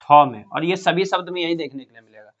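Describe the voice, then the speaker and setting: A man teaching a classroom lesson, slightly high-voiced, who keeps asking his students questions and repeating their answers back. The recording is dull and muffled, like a cheap classroom capture. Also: fairly quick, a bit bright.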